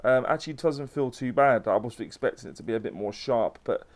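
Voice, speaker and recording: A man talks through a watch unboxing in a casual, chatty way. His voice sits at a middle pitch for a man, and his sentences wander with fillers and restarts as he handles the watch on camera. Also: a little fast, darkish tone. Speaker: watch review host.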